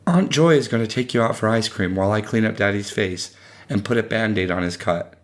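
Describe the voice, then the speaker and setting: A man's voice: lowish voice, a little fast, lightly acted. Man voicing a frantic worried young wife. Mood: worried coaxing. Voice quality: anxious, pleading.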